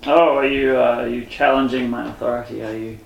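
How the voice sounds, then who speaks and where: A man's voice: mid-range voice, fairly even intonation, fairly quick, vocal fry, roomy sound, lo-fi sound, slight background noise, lightly acted. A man doing a stern, menacing commander. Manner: menacing, challenging. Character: stern authoritarian male military commander.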